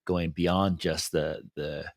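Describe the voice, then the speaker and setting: Very deep-voiced reflective man, dry sound. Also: fairly even intonation, takes it slowly, dry recording. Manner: reflective, frequent "right?" and "yeah" affirmations. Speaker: podcast co-host. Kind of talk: casual chat.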